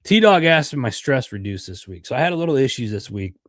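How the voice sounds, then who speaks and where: Hosting a rambling podcast livestream, an American man in middle age sounds stuffed up from a cold and leans on fillers and repeated words. His medium-pitched voice swings widely in pitch and moves a little fast. It's a clean studio recording without room sound.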